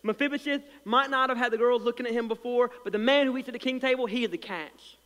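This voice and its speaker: High-voiced preacher with a slight lisp. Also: male voice, fast talker, long reverb tail. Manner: passionate preaching, swells loud then drops soft, repeats words. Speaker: pastor. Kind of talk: sermon. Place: church sanctuary.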